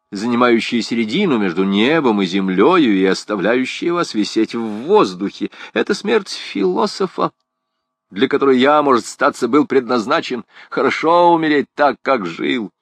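Brief: man putting on a high, jumpy young poet, philosophizing, lively swoops, dry close mic. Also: vocal fry, no room sound. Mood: musing. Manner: high-pitched, fast-shifting, wry and theatrical. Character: excitable, rambling, philosophizing male poet, young adult. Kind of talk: audiobook character reading.

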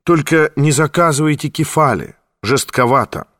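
Guy doing a gushy old ex-cardsharp, high and excited, super sentimental, dry close sound. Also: normal speed, no echo, natural voice. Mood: effusive nostalgic. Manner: effusive, sentimental. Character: fawning former card sharp, older man, nostalgic.

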